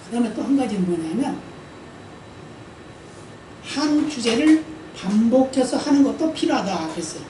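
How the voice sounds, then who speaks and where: A woman's voice: fairly high pitch, sing-song, moderate pace, long pauses, dark tone, far from the mic, slight background noise. A woman pastor giving a conversational sermon. She often asks the congregation for an amen and acts out the quoted speech in her stories. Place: church sanctuary during service. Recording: roomy church hall, voice from afar.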